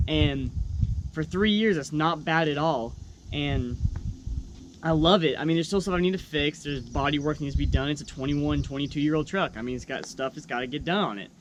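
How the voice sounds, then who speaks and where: Young male vlogger, slightly high voice, earnest and encouraging, casual delivery, faint background noise. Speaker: YouTube truck vlogger. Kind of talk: casual, unscripted vlog talk to viewers.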